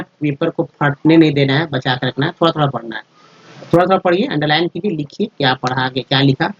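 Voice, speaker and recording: A male English teacher with a slightly high, breathy-edged voice teaches over slides on lo-fi audio, explaining step by step, spelling out letters, and repeating words. He treats viewers like friends and often checks they're following with "ठीक है".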